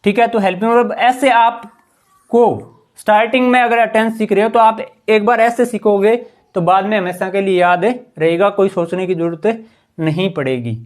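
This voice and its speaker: Patiently guiding his class through English grammar at normal speed, this man keeps firing rhetorical questions and dropping in "ठीक है". Toward the end of each sentence, his voice tends to fall lower and softer.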